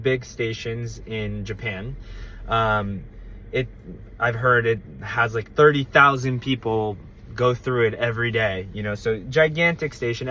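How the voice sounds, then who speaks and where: A young man from the United States casually telling a story, animated and rambling, acting out quoted voices. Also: medium pitch, a little hiss or hum. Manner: rambling with fillers and restarts. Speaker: storyteller host.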